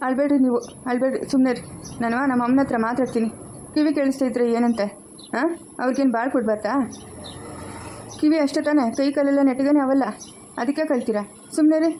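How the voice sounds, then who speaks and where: A woman's voice: high-pitched, steady tone, quick pace, pauses often, warm tone, a little hiss or hum, natural voice. A woman playing a kind young village groom who talks in a firm, reassuring way, with a Chikkaballapur Kannada accent. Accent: Kannada of the Chikkaballapur region.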